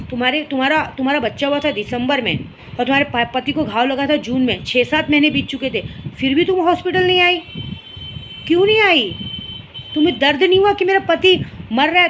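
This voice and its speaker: In this direct-to-camera clip, a young woman with a high, slightly bright voice lashes out at a rival. She scolds and confronts them in an emotional, heated monologue, and a little noise is audible behind her.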